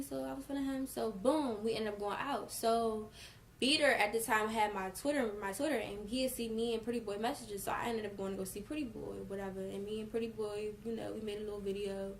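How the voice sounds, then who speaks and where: A woman's voice: a little high, fairly even intonation, fairly quick. A young woman vlogger telling a personal story in a casual storytime style, acting out quoted dialogue with emphasis. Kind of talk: storytime vlog, casual retelling.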